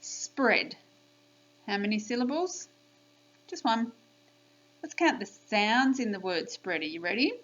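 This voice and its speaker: Slow, patient woman teacher. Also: on the high side, big pitch swings, fairly bright tone. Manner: slow, clear sounding-out of letters and sounds. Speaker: primary school teacher. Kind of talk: children's spelling lesson video. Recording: slightly dull lo-fi sound.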